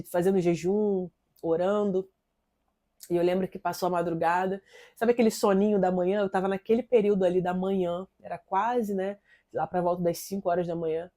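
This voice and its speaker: A woman's voice: medium pitch, dark tone. A Brazilian woman in her thirties tells a personal faith testimony in an earnest, conversational way, often adding little tag questions. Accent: Brazilian Portuguese. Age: 30s.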